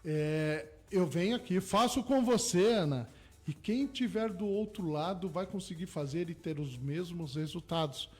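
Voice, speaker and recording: A man's voice: high voice, unhurried. A man, a hypnotherapist guest in a radio studio, eagerly explaining his ideas with everyday examples. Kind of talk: radio interview.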